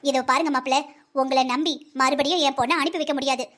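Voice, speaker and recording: A woman voicing a sharp-tongued middle-aged mother in a cartoon family drama, scolding quickly and insistently as she protects her daughter. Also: sits high, steady tone. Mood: defiant. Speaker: voice actor.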